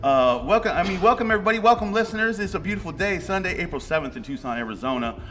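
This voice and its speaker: A male podcast host with a somewhat high voice talks in casual, slangy hip hop banter. He is animated, and the empty brewery adds bouncing reverb around his words. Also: racing, slight background noise. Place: large empty brewery, indoors.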